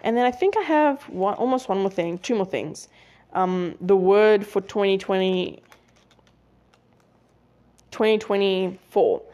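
A woman's voice: medium pitch, unhurried, pauses often, mellow. A young woman of nineteen hosting a solo podcast, chatting casually with many fillers and self-corrections. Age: young adult. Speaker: podcast host.

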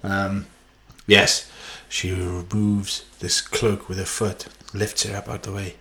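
A man's voice: low voice, little pitch movement, slow, bright, forceful tone, reverberant. A man casually recapping a film on a podcast, swearing, laughing often and acting out the scenes. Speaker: podcast co-host.

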